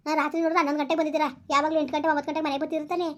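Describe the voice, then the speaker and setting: A woman's voice: high voice, level tone, natural voice. A woman playing a suspicious, hurt young pregnant wife who nags her husband in a village comedy skit. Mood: reproachful. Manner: complaining, questioning, rapid.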